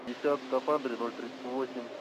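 A man's voice: medium pitch, fairly even intonation, fast. A man working as a spacewalker, giving terse, matter-of-fact status readouts over a spacesuit radio. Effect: radio link from inside a spacesuit. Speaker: spacewalker reporting to control. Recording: noisy spacesuit radio link.

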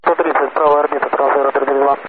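A man's voice: medium pitch, level tone, quick pace. A man speaking as an airline pilot in clipped readbacks over a radio transmission. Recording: tinny cockpit radio with faint noise.

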